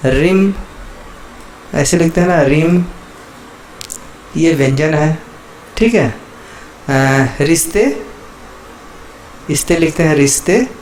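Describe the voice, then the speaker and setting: A man gives a patient lesson on letters and keeps repeating every example word. His voice sits fairly high and he moves at a very slow, careful pace. He checks in with his listeners constantly as he goes. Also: a little hiss or hum. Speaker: teacher. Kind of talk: explaining Hindi letters to viewers.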